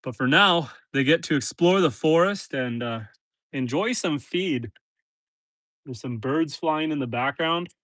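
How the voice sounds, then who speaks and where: Outdoors in a forest pen, a stuffy-nosed man from northern Canada livestreams from his homestead, chatting casually with viewers and his animals. His voice is fairly high, animated, and fairly bright, at a measured pace with no echo.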